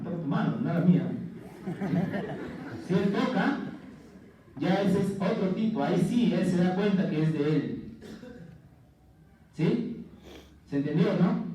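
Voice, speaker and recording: A man lecturing to a class, animated, making jokey asides and checking in with his students. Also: fairly high pitch. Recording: distant, muffled, echoey classroom audio.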